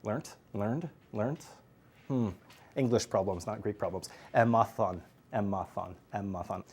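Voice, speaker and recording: A man leads a classroom Greek lesson in a slightly low voice, drilling conjugations and joking with his students. A faint hum of room noise sits behind him. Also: normal speed, darkish tone. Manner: drills students, jokes and laughs. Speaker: Greek teacher.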